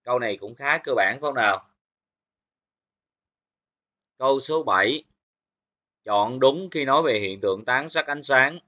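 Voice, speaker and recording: A man with a bright, forceful voice walks through a physics exam review. He explains each answer step by step and keeps asking his students whether they follow. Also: medium pitch, animated, measured pace, long pauses. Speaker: physics teacher.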